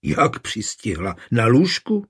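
A man voicing a quarrelsome, jealous woman close to thirty, in a shrill, accusing tone. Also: huge pitch swings, a bit bright, breathy edge, heavily acted. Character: middle-aged woman, quarrelsome, jealous daughter.

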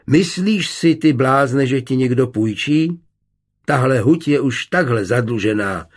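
A man voicing a bitter, proud middle-aged glassworks master deep in debt, in an audiobook. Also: lively intonation, creaky, darkish tone, husky.

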